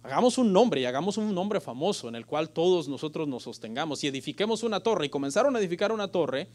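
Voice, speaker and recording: A middle-aged man, preaching a lively sermon in church and joking with the congregation. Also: on the high side, quick pace. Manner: lively preaching, addressing listeners as "hermano"; jokes with the congregation. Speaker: pastor.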